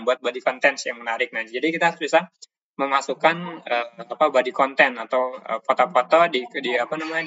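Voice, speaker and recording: A man teaching a course, talking through his presentation slides in a halting way, with many fillers and restarts. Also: medium pitch, bright, forceful tone. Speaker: course instructor. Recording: dull lo-fi recording.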